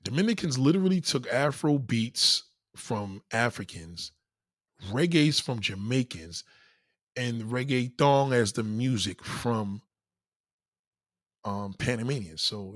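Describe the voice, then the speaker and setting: A man's voice: mid-range voice, a little slow, breathy edge, no room sound, studio quality. A man rants bluntly and profanely to his live-stream viewers, reading out their comments. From New York. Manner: blunt, profane, animated street talk. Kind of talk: casual live-stream rant.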